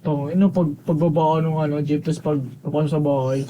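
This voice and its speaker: A man's voice: fairly high pitch, fairly even intonation, brisk, mellow, slight background noise. A young Filipino man co-hosting a podcast, telling crude stories and swearing a lot in casual banter. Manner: crude, storytelling, swears often. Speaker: podcast co-host. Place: recording studio.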